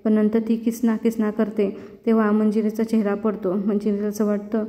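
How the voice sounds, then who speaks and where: A woman's voice: medium pitch, completely flat delivery, normal speed, warm tone. A woman retelling a TV serial episode as a story, quoting the characters' lines. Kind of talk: storytelling recap with acted quotes. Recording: dull lo-fi sound with long reverb.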